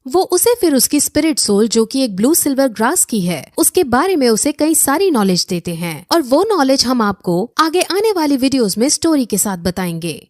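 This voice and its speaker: A woman narrating an anime plot recap as a steady retelling, mixing in English loanwords. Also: sits high, normal speed, few pauses, no room sound, clean studio sound.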